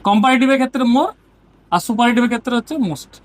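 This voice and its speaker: A woman teacher with a Bengali accent and a fairly high, animated voice explains grammar step by step at a quick pace. Frequently she asks "ঠিক আছে?" to check her students understand.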